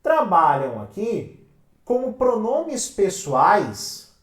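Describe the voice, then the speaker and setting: Slow, lively Brazilian woman teacher. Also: mid-range voice. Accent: Brazilian Portuguese. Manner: asks the class questions and answers them herself; calls the listeners "minha gente". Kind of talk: exam-prep lecture. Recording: roomy sound from a distant mic.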